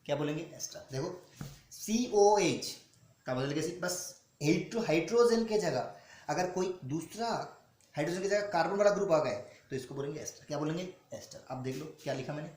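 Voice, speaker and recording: Echoey teacher repeating questions himself. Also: male voice, fairly high pitch, a little mellow. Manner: repeats questions and answers them himself, calls students "beta"; slows down to spell out formulas. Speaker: chemistry teacher. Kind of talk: classroom-style teaching. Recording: echoey room with faint noise.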